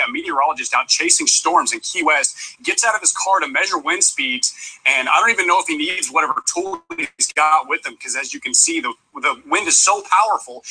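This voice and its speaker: A man presenting news, casually walking viewers through storm video clips in a slightly rough voice. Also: fairly high pitch, pushed and bright, low-quality recording. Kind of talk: casual walk-through of viral storm footage.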